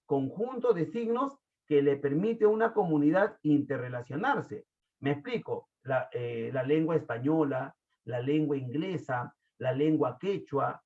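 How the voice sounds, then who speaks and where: A man from Lima gives an online lesson with a Lima accent, his voice sitting a touch high. He keeps the class involved with questions and plenty of fillers. The sound is thin and tinny, like it comes over a phone. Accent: Lima Peruvian Spanish. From Peru. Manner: chatty, asks the class questions, many fillers. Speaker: teacher.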